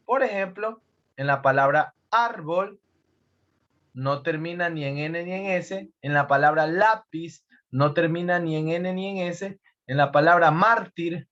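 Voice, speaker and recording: Emphatic male teacher from Ecuador, slightly high voice. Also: a bit bright, dull audio. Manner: slow, emphatic teacher explaining step by step, repeating key points. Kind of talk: recorded lesson explaining spelling rules.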